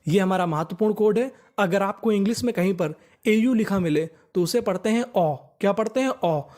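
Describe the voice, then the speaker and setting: A man teaching English phonics in a lesson. He spells each word out slowly, says it twice in a lower voice, and asks the class short questions that he answers himself. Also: a little mellow.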